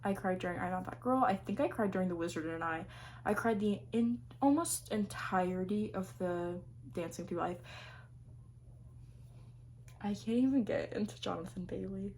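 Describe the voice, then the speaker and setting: A woman's voice: medium pitch, normal speed, darkish tone, slight background noise. A young adult woman chatting casually to camera about her favorite things of the year, gushing and rambling with plenty of fillers. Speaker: vlogger.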